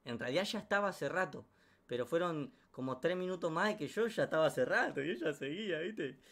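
A storyteller with an Argentine Rioplatense accent tells a comic anecdote, slangy and animated, packed with sound effects and asides. His voice sits on the high side and he moves briskly.

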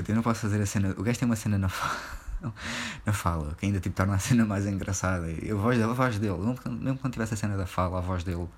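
Slangy young Portuguese man, very deep voice. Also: slightly rough. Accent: European Portuguese. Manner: rambling, slangy and profane, laughing often. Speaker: podcast host. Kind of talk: casual solo podcast chat.

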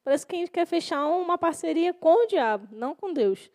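Female youth preacher, high voice, casual delivery, repeats lines for emphasis. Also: expressive, a little fast, darkish tone. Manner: repeats key phrases, acts out quoted inner voices. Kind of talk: informal youth sermon.

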